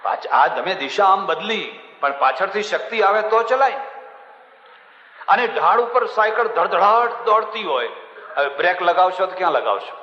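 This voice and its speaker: A man's voice: high voice, animated, moderate pace, pushed and bright, a little hiss or hum. A man giving a storytelling sermon in a folksy way, acting out the people in his anecdotes. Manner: folksy, acts out quoted characters, laughs at his own jokes. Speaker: religious preacher. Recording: echoey hall, dull sound.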